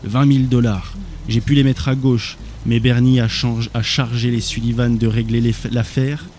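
A man's voice: mid-range voice, flat delivery, moderate pace, a little mellow, a little hiss or hum, close to an everyday voice. A man voicing a terrified wounded young man who has been clawed and blinded, pleading frantically. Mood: frantic.

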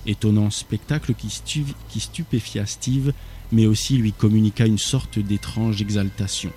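A man reading a thriller aloud as narrator, steady with small slips. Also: lowish voice, a little slow, slight background noise.

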